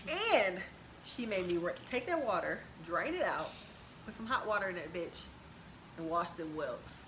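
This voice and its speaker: A woman's voice: fairly low pitch, big pitch swings, normal speed. Woman podcast co-host, slangy and blunt, roomy echo with background noise. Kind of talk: casual chat. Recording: echoey room with noise.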